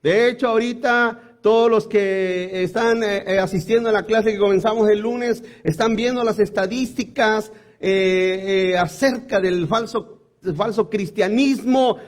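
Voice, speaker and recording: Man, preacher, high-pitched, sermon, frequent restarts. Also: fairly even intonation, unhurried. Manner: addresses listeners as brothers, many asides and restarts.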